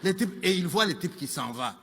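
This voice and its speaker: Bright-voiced male storyteller, hall echo. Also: high voice, fairly quick, breathy edge. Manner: lively, asides to the audience. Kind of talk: oral joke storytelling. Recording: long hall reverb, faint music.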